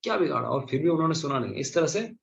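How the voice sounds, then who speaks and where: A man giving an animated storytelling lecture at a scripture class, asking and answering his own questions. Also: on the high side, fast. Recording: slightly dull lo-fi recording.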